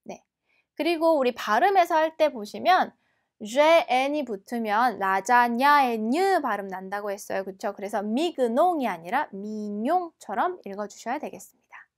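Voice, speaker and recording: A woman teaching a language lesson, explaining patiently and repeating each word slowly and carefully. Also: fairly high pitch, expressive. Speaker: French teacher.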